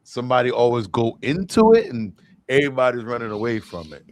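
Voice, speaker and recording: A man's voice: mid-range voice, very animated, fairly quick. A man co-hosting a casual panel chat, laid-back and reflective. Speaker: co-host of a panel show.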